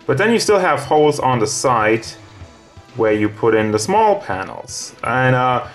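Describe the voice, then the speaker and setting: A man's voice: mid-range voice, big pitch swings, a little slow. A man reviewing a toy figure in a casual, rambling way, hot and out of breath, with faint music behind him. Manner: rambling, casual, self-correcting.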